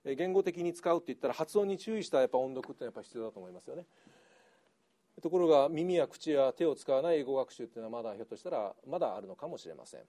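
A man's voice: mid-range voice, racing. A middle-aged man, an English teacher giving a chatty lecture that is full of laughter. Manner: lively, chatty, laughs often, slips into Kansai dialect. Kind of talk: lecture to an audience.

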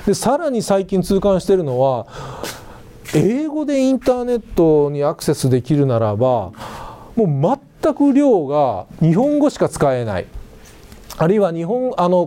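A middle-aged male lecturer gives a relaxed, conversational class, throwing rhetorical questions at his students. His voice sits a little high and swings up and down a lot. The tone is mellow and dark. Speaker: university lecturer in English education.

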